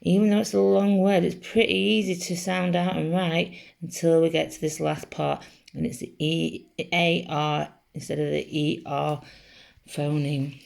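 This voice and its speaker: A woman's voice: deep voice, level tone, a little slow, vocal fry, a little mellow. A woman teaching a spelling lesson to children, patiently sounding out each letter. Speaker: primary school teacher.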